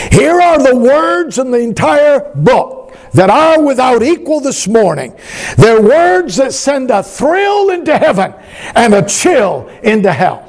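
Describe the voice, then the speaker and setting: A man's voice: very high-pitched, a little mellow. A male pastor preaching a sermon in a church, emphatic and drawn out, calling the congregation to repeat after him.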